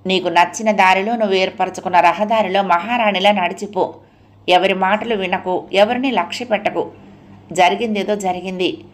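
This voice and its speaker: Woman narrator doing a tender but firm young friend in an audio novel; soft, coaxing, pushing. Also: mid-range voice, close to an everyday voice. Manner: soothing, then coaxing and insistent.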